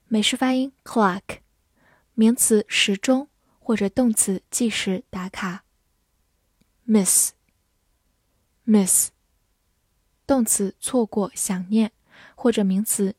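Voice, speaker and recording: A woman in a scripted vocabulary lesson, drilling each word slowly and deliberately before giving its meanings. Her voice is mellow and dark, spoken at an unhurried pace. The recording is dry and close, with no room sound. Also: mid-range voice, slightly rough, dry recording. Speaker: English vocabulary teacher.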